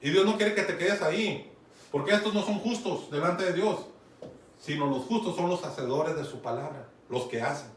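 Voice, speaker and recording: A man with a Mexican accent gives a Bible sermon in a conversational style, often asking in with his audience. He speaks at a moderate pace in a somewhat high voice, and the echoey recording is distant with faint noise.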